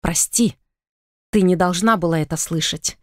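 A man's voice: high voice, moderate pace, a bit bright, dry recording. Hot-tempered young lycan man voiced by a woman reader, demanding, dry close recording. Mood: quiet. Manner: demanding, angry.

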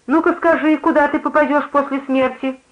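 A reader voicing a fervent female street preacher who cries out her sermons in a shrill, exalted voice, heard on a muffled lo-fi recording. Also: steady tone, a little fast, natural voice.

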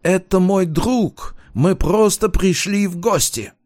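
A man voicing a flustered young male student, pleading in a high, raised voice. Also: lively intonation, normal speed, darkish tone, natural voice.

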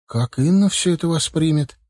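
A man's voice: fairly high pitch, normal speed, warm tone, pitched above the performer's own voice, natural voice. A man putting on a dazed middle-aged wife. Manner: distracted, recalling.

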